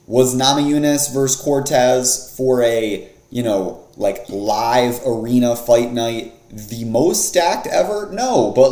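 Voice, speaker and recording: A man's voice: medium pitch, a little mellow. A man hosting an MMA picks channel, talking in a sarcastic, rambling way with lots of "um" and "like". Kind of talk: casual vlog commentary. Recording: echoey room.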